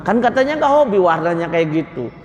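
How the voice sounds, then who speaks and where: A middle-aged man giving a conversational mosque sermon as a preacher, telling lively stories and acting out everyday dialogues. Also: high-pitched, fairly quick. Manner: lively storyteller who acts out everyday dialogues. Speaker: Islamic preacher. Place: mosque hall. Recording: long reverb of a mosque hall.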